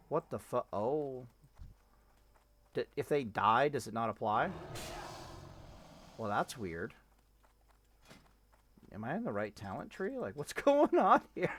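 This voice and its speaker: Testing things in a game, this streamer gives rambling, profane commentary and keeps cutting himself off. His voice is medium-pitched, and there's a little hiss or hum in the recording.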